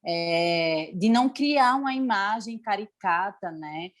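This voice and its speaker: A woman's voice: medium pitch, expressive, takes it slowly. A woman hosting a live-stream interview, speaking reflectively and hesitantly, often repeating words. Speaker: host.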